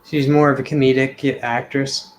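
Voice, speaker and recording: A man's voice: mid-range voice, level tone, normal speed, slight background noise, poor audio. A man on a drawing talk show, chatting casually and rambling with many hesitations and restarts. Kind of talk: casual chat while drawing.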